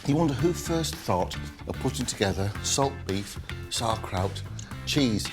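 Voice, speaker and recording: A man's voice: fairly low pitch, expressive, measured pace. A middle-aged man hosting a cooking show, enthusing over the food as he makes it. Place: kitchen. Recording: music bed under speech.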